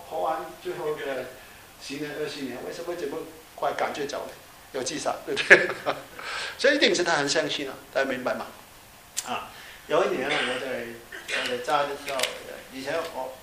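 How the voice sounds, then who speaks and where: A man's voice: mid-range voice, fairly bright tone. A middle-aged man preaching a conversational sermon as a pastor, often checking in with his listeners and using fillers. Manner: conversational preaching with frequent tag questions and fillers. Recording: echoey room with faint hiss.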